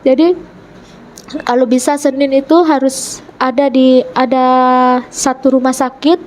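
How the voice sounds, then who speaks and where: High, mellow-voiced woman recounting her story. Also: steady tone. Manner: retells events by acting out quoted dialogue; earnest, halting, with restarts. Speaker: convert telling her life story. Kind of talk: emotional personal testimony in an interview.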